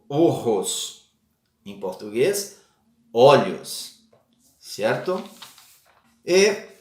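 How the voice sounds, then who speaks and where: Guy teaching a language class super slow, mid voice, lots of "né?" checks, roomy echo. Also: mid-range voice, darkish tone. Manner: deliberate, repeats example words, adds "né" tag questions. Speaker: Portuguese teacher. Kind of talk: slow spoken language lesson.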